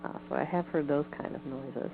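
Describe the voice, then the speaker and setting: A woman guest on a phone interview, speaking in a measured, hedging way with frequent ums. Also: low-pitched, steady tone, creaky. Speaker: guest, Bigfoot researcher. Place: home in the woods. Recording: tinny phone line with faint hiss.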